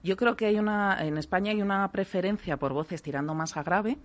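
A woman from working as a voice therapist, calmly explaining things in a radio interview and often checking in with "¿vale?". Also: medium pitch, brisk. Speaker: voice therapist guest.

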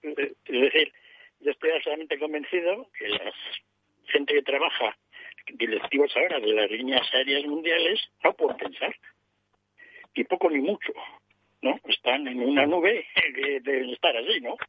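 A man's voice: on the high side, normal speed, husky, lo-fi sound. A man commenting on a radio panel, thinking aloud and ending phrases with tag questions. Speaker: economics commentator.

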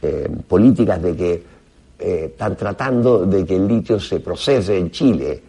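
Gravelly, low-voiced man speaking Spanish. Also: lively intonation, mellow. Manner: halting, groping for words in Spanish. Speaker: professor, interview guest. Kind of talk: interview answers, explanatory.

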